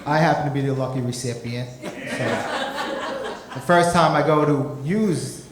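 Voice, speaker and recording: With a crowd audible behind him, a man with a medium-pitched voice performs a club stand-up set at normal speed, chatting into a handheld mic and peppering his lines with "you know." Loud laughter fills the roomy recording.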